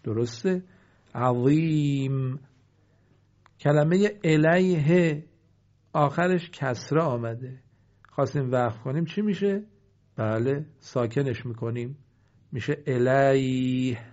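A man teaching the rules of pausing in Quran recitation. He draws out each example word slowly, then asks what it becomes and answers himself. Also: medium pitch, expressive, a little mellow, muffled recording.

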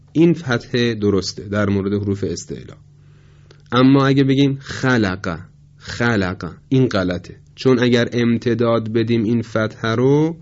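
A man teaching Quran recitation pronunciation in a measured, polite way, drawing out his example words slowly. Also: lowish voice, a little mellow. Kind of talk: tajweed pronunciation lesson. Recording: dull lo-fi recording.

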